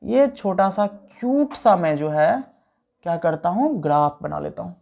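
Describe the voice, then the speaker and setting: A man teaching a physics class online from home at night, animated and playful, teasing his students and swinging between soft and loud speech. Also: high-pitched, unhurried, creaky.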